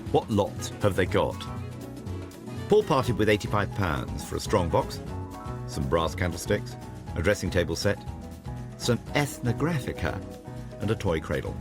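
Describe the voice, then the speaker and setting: Deep, animated male TV narrator. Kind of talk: scripted, wry TV narration. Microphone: studio voice-over.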